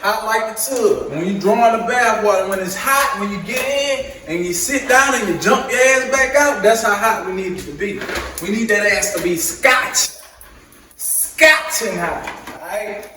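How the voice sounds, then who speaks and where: A man's voice: sits high, moderate pace, pushed and bright, very echoey, distant mic, a little hiss or hum, low-quality recording. A man walking viewers through a recipe in a chatty, joking way, with preachy asides to the audience. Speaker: home cook teaching a recipe. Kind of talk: casual cooking tutorial.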